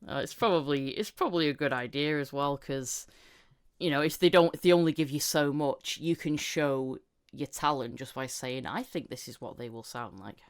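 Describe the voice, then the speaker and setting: A woman with a low, clean-toned voice speaks at a moderate pace as she hosts a casual podcast interview with a voice actor. She's chatty and often recounts things through snippets of reported dialogue.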